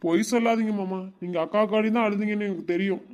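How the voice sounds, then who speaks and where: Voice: medium pitch, steady tone, fast, a little mellow, lightly acted. A voice actor playing an eager, loyal young village girl in a cartoon, confiding earnestly. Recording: dull lo-fi sound.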